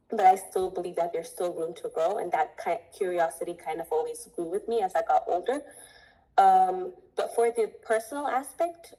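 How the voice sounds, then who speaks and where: A young adult woman from Ethiopia, a coffee importer speaking earnestly as an interview guest, with many pauses to think. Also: on the low side, dark tone, low-quality recording. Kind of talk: interview conversation.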